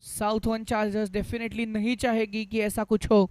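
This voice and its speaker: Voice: mid-range voice, level tone, moderate pace, smooth, no room sound. A Hindi cricket commentator calling play ball by ball, mixing in English cricket terms.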